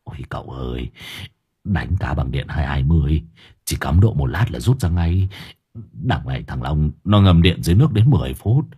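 A man voicing a gruff, coarse henchman who grumbles and curses in a deep, dropped voice. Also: animated, normal speed, mellow, full character voice.

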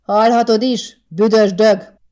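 A cantankerous old neighbour, put on by a woman reading a storybook, barking out scornful complaints in a raised, louder voice. He is sour and hunched, and his tone stays dark and mellow. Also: a little high, steady tone, voice pushed up, close to an everyday voice. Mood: irritated. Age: over 70. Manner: snapping, scornful outbursts. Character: grumpy old man, bitter hunched neighbour. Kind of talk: audiobook character voice.

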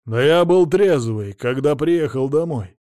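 A drunk, middle-aged millionaire in a frantic state, as a male reader puts him on, shouting and blustering in a raised, high-pitched voice. He talks loud and fast in agitation, on a dry, close recording. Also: animated, no echo. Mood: bewildered.

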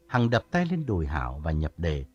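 A man narrating an audiobook story in a calm storytelling manner. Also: very deep voice, moderate pace, breathy edge.

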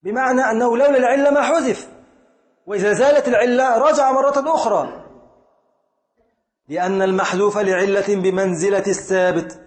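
A man with an Egyptian accent teaching grammar in a lecture, deliberate, repeating his points and quizzing the students. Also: high-pitched. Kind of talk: classroom lecture. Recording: echoey hall reverb.

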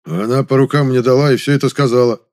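A man doing a hoarse, gloomy old soldier. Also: medium pitch, fairly even intonation, fast talker, darkish tone, pitched above the performer's own voice, natural voice. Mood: sulky. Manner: mumbling, sighing, downcast. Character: worn-out middle-aged war veteran man, gloomy.

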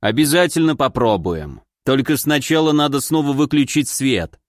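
A man's voice: mid-range voice, lively intonation, moderate pace, dry recording, close to an everyday voice. A man voicing a tired ship captain who sighs and speaks with dry sarcasm. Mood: sarcastic. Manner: sighing, dryly sarcastic. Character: weary ship captain, sighing and wry.

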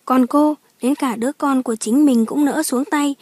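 A woman voicing a furious, grieving man in his thirties who shouts and curses in an audiobook drama. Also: high-pitched, steady tone, moderate pace, dry recording, lightly acted. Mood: enraged. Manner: shouting, cursing.

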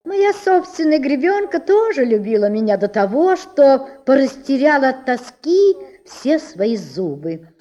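A vain, boastful shirt collar from a storybook, as a woman reader puts him on, who sweet-talks everyone in flowery phrases. His lines rise and fall a lot, with a warm, mellow tone. The recording sounds dull and lo-fi. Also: high-pitched, very animated, unhurried, pitched above the performer's own voice.

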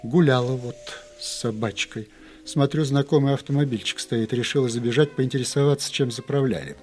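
A man's voice: mid-range voice, fairly quick, a little mellow, soft background music, close to an everyday voice. A man voicing a coy, sweet-talking lady boss. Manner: sweetly coy, then contemptuous. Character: flirtatious, then coldly stern woman boss.

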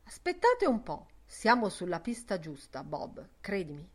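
A woman's voice: medium pitch, sing-song, measured pace. A woman reading voicing Father Cowley, an anxious middle-aged priest with a pleading manner, in an audiobook.

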